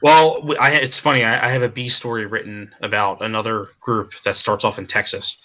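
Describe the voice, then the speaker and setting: A man being interviewed as a comic creator, talking in a halting way with many repeated words and restarts. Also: fairly low pitch, steady tone, pushed and bright, muffled recording. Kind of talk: casual stream interview.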